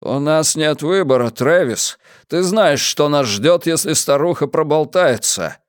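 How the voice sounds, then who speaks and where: A man reading a book aloud, voicing a ruthless police chief who speaks firmly and slowly. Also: a little high, lively intonation, smooth, no echo, clean studio sound, voice pushed up. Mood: cold. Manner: firm and slow. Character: cold middle-aged police chief, ruthless and commanding.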